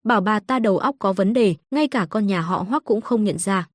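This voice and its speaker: A woman narrating a comic story in an even, steady reading. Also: mid-range voice, moderate pace, no echo, studio quality.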